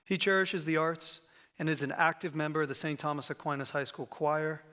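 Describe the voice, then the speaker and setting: A man, a teacher, formally introducing a student speaker at a school event, slightly halting with filler pauses. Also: on the high side, steady tone, sharp tone. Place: school auditorium stage.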